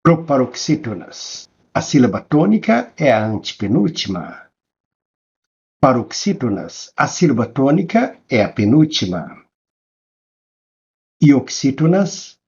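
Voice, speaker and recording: Male teacher, scripted lesson voice-over, husky and unhurried. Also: mid-range voice, very animated, a little mellow, dull audio. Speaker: Portuguese teacher.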